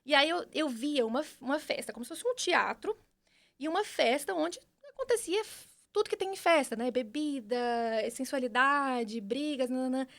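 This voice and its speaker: A young woman with a Brazilian Portuguese accent, a podcast guest giving an earnest, animated personal testimony with frequent restarts. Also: high voice, normal speed. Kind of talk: personal testimony in casual conversation.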